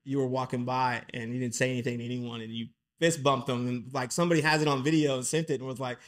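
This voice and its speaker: A man's voice: medium pitch, fairly even intonation, fast. A man hosting a casual podcast chat, telling a chatty story about his son and laughing along. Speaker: podcast host, father.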